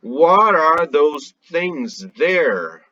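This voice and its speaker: A man teaching English pronunciation, slowly modeling phrases for a student to repeat and praising her. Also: a little high, sing-song, sharp tone, dull audio. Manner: slow, clearly articulated modeling with praise. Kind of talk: drilling pronunciation, repeat-after-me.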